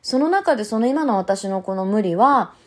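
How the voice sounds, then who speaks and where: A woman talking alone on a podcast in a casual monologue, candid and reflective, addressing her listeners directly with many soft fillers. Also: mid-range voice, lively intonation, normal speed. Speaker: podcast host, single mother.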